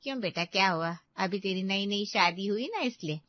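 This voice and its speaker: A woman voicing a soft, caring mother. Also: medium pitch, animated, moderate pace, no room sound, close to an everyday voice. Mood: comforting. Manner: soft, comforting. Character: gentle, caring middle-aged mother. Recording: dry, slightly dull lo-fi audio.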